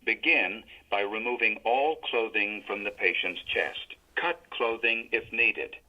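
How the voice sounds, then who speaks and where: A man voicing a defibrillator prompt, giving calm, impersonal step-by-step instructions as the machine. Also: fairly low pitch, measured pace. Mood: calm, instructive. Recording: dull, lo-fi device audio.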